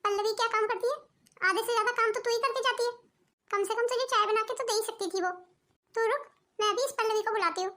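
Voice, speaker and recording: A woman's voice: extremely high pitch, steady tone, fast, sharp tone. A woman voicing a bossy, doting middle-aged mother-in-law in a cartoon, with a scolding, commanding manner. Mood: stern. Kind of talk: cartoon voice acting.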